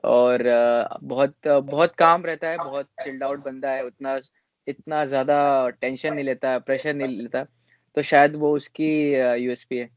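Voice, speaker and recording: A young male cricketer answering interview questions in a relaxed, hesitant way, with frequent fillers and restarts. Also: mid-range voice, a little slow, no room sound, highs cut off.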